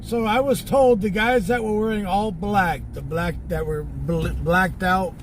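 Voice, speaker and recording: A man's voice: sits high, unhurried. A man chatting casually on a live stream in a blunt, slangy, repetitive way. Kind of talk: casual rambling street live stream chat. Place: in or beside a truck on the street. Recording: very noisy street and vehicle audio.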